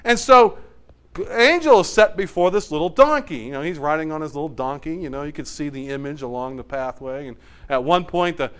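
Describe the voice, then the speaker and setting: High-voiced man preaching a story. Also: a little fast, clean tone. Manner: storytelling, acts out the characters' lines; animated, swings between loud and quiet. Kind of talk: sermon.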